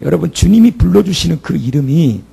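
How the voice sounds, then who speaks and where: A man's voice: fairly high pitch, animated, brisk, mellow. A man preaching a sermon, retelling the story dramatically and acting out the speakers in it. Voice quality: gravelly. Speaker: pastor.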